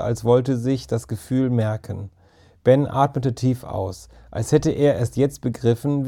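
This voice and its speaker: Mellow-voiced male storyteller. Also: mid-range voice, vocal fry. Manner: calm, even storytelling. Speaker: narrator. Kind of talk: audiobook narration.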